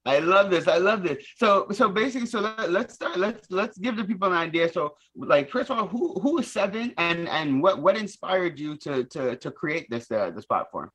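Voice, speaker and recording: A man's voice: high-pitched, lively intonation, normal speed, few pauses, fairly bright tone, slightly rough, low-quality recording. A man hosting community radio in a welcoming way, repeating phrases for emphasis. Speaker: radio show host.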